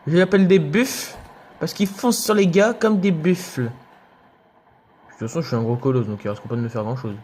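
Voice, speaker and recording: A young man giving excitable let's play commentary, yelping and laughing at enemies. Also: fairly high pitch, a little fast, a little hiss or hum. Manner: excitable, shouts and yelps at enemies, laughs often. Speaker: gaming youtuber.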